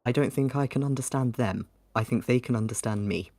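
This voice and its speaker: Gravelly guy playing a tabletop game, casual chat, dry sound no room echo. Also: mid-range voice, brisk, dark tone.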